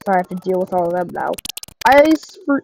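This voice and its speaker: A young woman giving casual, rambling commentary over her own gameplay, excitable and laughing often. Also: on the low side, brisk, gravelly, a little hiss or hum, low-quality recording. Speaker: gaming channel host.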